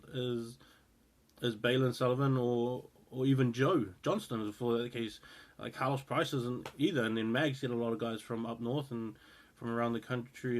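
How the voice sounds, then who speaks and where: A man with a medium-pitched, darkish voice, in his thirties and from New Zealand by his accent, hosts a rugby show. He offers his opinion in casual talk to the camera, rambling with frequent fillers and restarts.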